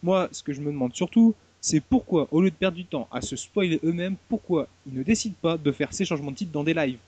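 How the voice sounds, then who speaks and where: A man's voice: fairly high pitch, lively intonation, a little fast, mellow, breathy edge, no room sound. A man co-hosting a wrestling show in casual podcast chat, argumentative and questioning.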